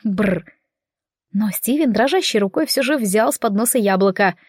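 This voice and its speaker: A woman reading a story aloud in first person, wry and lively. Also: a little high, fairly quick, dry recording, studio quality. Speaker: audiobook narrator.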